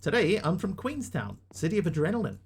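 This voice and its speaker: This is a New Zealand man with a New Zealand accent, reading out and answering his chat as he casually streams a game live. He talks fairly quickly in a high, slightly rough, creaky voice with big swings in pitch.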